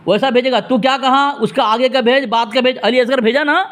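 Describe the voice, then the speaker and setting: A man with a strikingly high voice hosts a heated phone debate. He hammers at his opponent with the same demands over and over, in a scolding tone. Between rounds he turns to address his listeners directly. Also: fairly even intonation, a bit bright. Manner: insistent, scolding, repeats demands; turns aside to address the audience. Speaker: debate host on a phone call.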